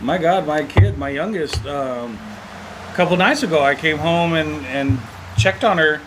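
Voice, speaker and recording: A middle-aged man co-hosting a podcast in casual chat, easygoing and quick to laugh as he tells family stories. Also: on the high side, background noise. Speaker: podcast co-host.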